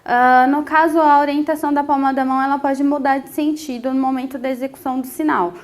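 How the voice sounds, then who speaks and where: A woman teaching a sign language lesson, explaining each point patiently and filling pauses with short hesitations. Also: sits high, steady tone. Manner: patient, explanatory, with frequent 'é' fillers.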